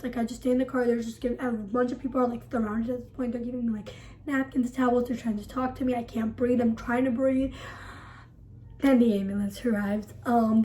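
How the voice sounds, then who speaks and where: Dramatic young woman vlogger, mellow tone. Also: on the high side, rough recording. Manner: breathless, dramatic retelling packed with "like". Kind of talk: storytime vlog.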